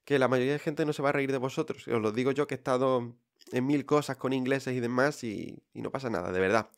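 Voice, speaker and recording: A man's voice: medium pitch, quick pace, creaky. A man with a Spain Spanish accent hosting a podcast, talking directly and reassuringly with many fillers. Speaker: podcast host. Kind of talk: casual podcast monologue.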